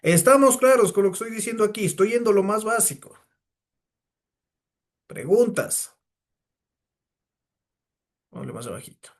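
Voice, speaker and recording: A man's voice: sits high, normal speed, long pauses. A man teaching a physics class, lecturing and firing questions at his students. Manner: asks the class many rhetorical questions.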